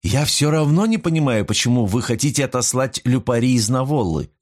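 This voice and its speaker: A man's voice: medium pitch, lively intonation, brisk, darkish tone, pitched above the performer's own voice, natural voice. A man voicing a shrewd, sceptical woman who speaks dryly and probingly. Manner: dry, probing. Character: Furia, sharp shrewd woman, dry and sceptical.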